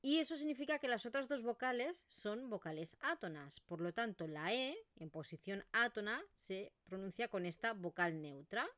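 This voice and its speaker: A woman's voice: mid-range voice, lively intonation, normal speed, hardly any pauses, fairly bright tone, no echo, clean studio sound. A woman with an Eastern Catalan accent teaching pronunciation in an online video lesson, modelling vowel sounds as she explains.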